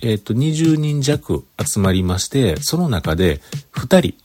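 A man's voice: mid-range voice, very animated, a little slow, darkish tone, faint music behind. A man with a Kyoto Kansai accent chats casually by himself as a show host, sounding congested with a blocked nose and talking as if holding his breath. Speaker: host of a recorded solo talk show. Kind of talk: casual chat monologue.

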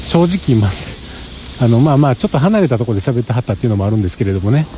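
A man's voice: medium pitch, animated, rapid-fire, background noise. A man with a Kansai accent, chatting in a rambling, self-mocking way for a casual travel diary while walking outdoors across a parking lot. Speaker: travel vlogger.

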